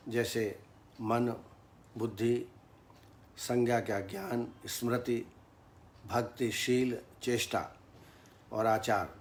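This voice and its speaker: A man teaching Ayurveda in a formal lecture, speaking in a measured tone and reciting Sanskrit verses. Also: mid-range voice.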